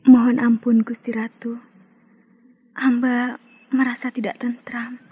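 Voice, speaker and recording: A breathy, humble palace maidservant in an old radio play. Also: female voice, a little high, level tone, slow pace, narrow, tinny audio, full character voice. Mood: pleading. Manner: pleading, deferential court speech. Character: devoted young palace maidservant, anxious and humble. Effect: old radio show sound. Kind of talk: old radio drama acting.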